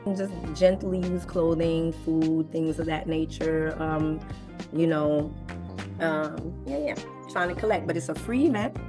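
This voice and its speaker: Unhurried woman chatting casually. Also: deep voice, music in the background. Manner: rambling with many fillers. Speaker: event organizer. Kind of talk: casual chat.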